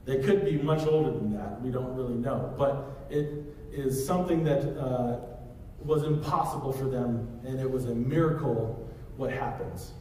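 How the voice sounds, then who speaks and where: A man's voice: mid-range voice, moderate pace, a little mellow, a little hiss or hum. A man in his thirties preaching a conversational sermon, recorded from across a large church sanctuary. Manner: conversational preaching, walks the stage gesturing. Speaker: pastor. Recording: echoey hall from far off.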